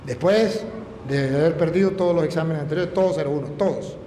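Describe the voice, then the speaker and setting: Man, priest, storytelling sermon, high voice, echoey hall. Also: a little fast. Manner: animated, emphatic storytelling. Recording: echoey hall, faint noise.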